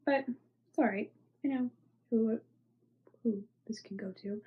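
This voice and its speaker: A young woman hosts a knitting podcast while stuffy and congested from a cold, rambling through casual show-and-tell with many fillers and frequently trailing off to near-whispers. Her voice is a little high and a little slow, with a breathy edge. The audio sounds dull.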